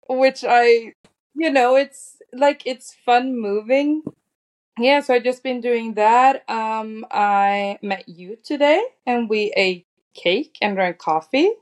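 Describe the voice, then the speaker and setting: A woman co-hosting a podcast, upbeat and easygoing, chatting casually with lots of fillers over an online call. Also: fairly high pitch. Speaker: podcast co-host. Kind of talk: casual chat.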